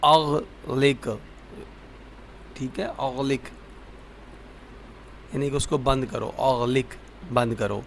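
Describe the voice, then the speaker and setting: Man drilling words in a slow lesson. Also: mid-range voice, steady tone, creaky. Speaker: Arabic teacher. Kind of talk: vocabulary lesson.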